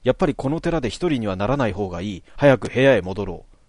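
A man plays through a horror game and reads its text aloud in a low voice. Between lines he drops wry, amused comments. The sound is dry and close. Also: very animated, fast, darkish tone, no echo. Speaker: game player.

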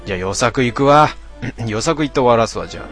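A man hosting a casual late-night stream, reading out listener comments with grumbling asides and frequent throat clearing. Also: mid-range voice, animated, fast, a bit bright, soft background music. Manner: grumbling, talks to himself, mock-annoyed asides.

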